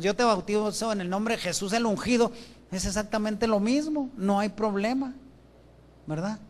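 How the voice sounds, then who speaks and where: Preacher guy, highish voice, reads verses then asks and answers his own questions, church mic. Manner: reads scripture verses aloud. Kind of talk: sermon. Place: church with benches. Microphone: handheld or stand microphone.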